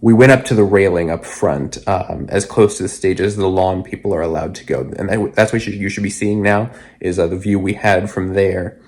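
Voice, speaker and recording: A man's voice: low-pitched, fairly even intonation, normal speed, a little mellow. Chatty man narrating his vlog. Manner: chatty, loose, with fillers like "like" and "uh". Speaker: vlogger. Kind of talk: casual voice-over narration.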